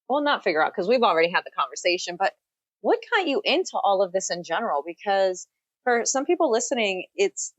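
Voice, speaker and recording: Woman host, lively pitch, curious, encouraging, dry, dull audio. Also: no room sound. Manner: curious, encouraging, frequent backchannels. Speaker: podcast host. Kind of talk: podcast interview.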